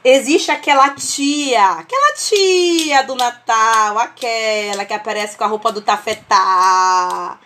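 A woman with a Brazilian accent leads an online history lesson, her voice sitting high. She explains through everyday family comparisons and keeps checking in with her students. The sound comes through a video call. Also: slow pace, hardly any pauses, bright, forceful tone, a little hiss or hum. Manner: homely family analogies, checks in with students often. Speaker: history teacher.

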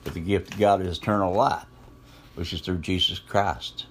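A man's voice: deep voice, fairly even intonation, moderate pace. A man giving informal Bible teaching, quoting verses and retelling scripture loosely with restarts and asides. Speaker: lay preacher.

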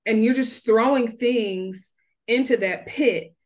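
A woman's voice: on the high side, takes it slowly. A middle-aged woman shares a personal story in an open podcast chat. She speaks earnestly, circling back and repeating words to drive her point home. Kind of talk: candid conversational podcast talk.

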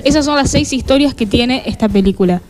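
A woman's voice: high-pitched, fairly quick, darkish tone. A woman hosting a podcast, telling a story animatedly in casual chat. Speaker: podcast host.

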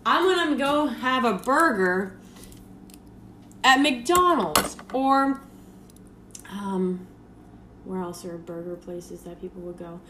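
A woman's voice: medium pitch, expressive, takes it slowly, long pauses, bright, forceful tone, a little hiss or hum. A young woman hosting her own podcast, chatting loosely, laughing at herself and swearing freely. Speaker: podcast host. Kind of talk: casual solo podcast talk.

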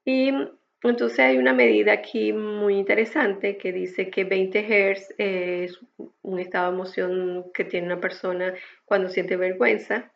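A woman meditation teacher giving an explanatory spoken lesson in a measured, deliberate way. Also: medium pitch, little pitch movement, gravelly, dull audio.

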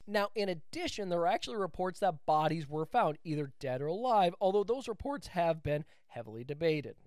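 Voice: mid-range voice, animated, brisk, a little mellow, no room sound, studio quality. A podcast co-host telling a story in casual chat, rambling and swearing with laughing asides.

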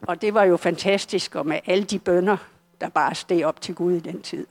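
An older woman with a Danish accent telling her personal story at a church service, earnest and halting, often restarting her sentences. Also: lowish voice, steady tone. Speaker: church testimony speaker.

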